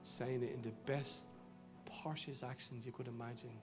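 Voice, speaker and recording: A middle-aged man with a Dublin accent, a pastor telling a story in a sermon, swinging between loud excitement and low, hushed confiding. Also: moderate pace, music in the background. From Dublin, Ireland. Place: church service.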